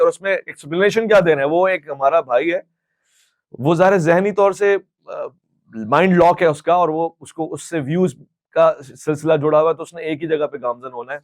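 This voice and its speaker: Impassioned high-voiced male host. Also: darkish tone, no echo. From Pakistan. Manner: impassioned, scolding, switches into English phrases. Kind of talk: public Q&A answer.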